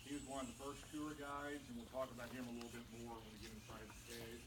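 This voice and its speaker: A man's voice: mid-range voice, level tone, fast. A man working as a cave tour guide, explaining things to a group in a plain-spoken way. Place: tour site at and inside a cave. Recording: echoey, distant from mic, background noise.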